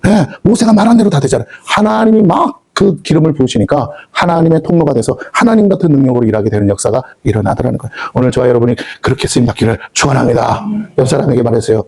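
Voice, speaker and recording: Fast, fervent Korean pastor preaching. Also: male voice, medium pitch, expressive, vocal fry, darkish tone. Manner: fervent, rhetorical questions to the congregation, acts out God's voice. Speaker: senior pastor. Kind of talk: sermon. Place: church sanctuary.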